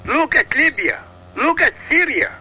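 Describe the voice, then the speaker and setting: A man's voice: very high voice, very animated, a little slow, noisy background. A man from Iraq giving emphatic, insistent political commentary as a talk show guest, driving his points home with rhetorical questions.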